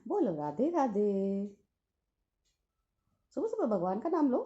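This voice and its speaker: Doting woman in lively baby talk. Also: high-pitched, a little slow, husky, lo-fi sound. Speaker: pet owner. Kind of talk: talking to a pet parrot.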